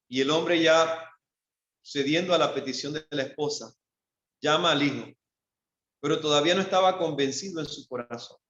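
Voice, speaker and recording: Male pastor with a Panamanian accent, high voice, sermon delivery with rhetorical questions, recorded in a roomy church. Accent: Panamanian Spanish. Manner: preaching with rhetorical questions, dropping low and soft for quoted lines. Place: church hall. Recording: echoey church, dull lo-fi sound.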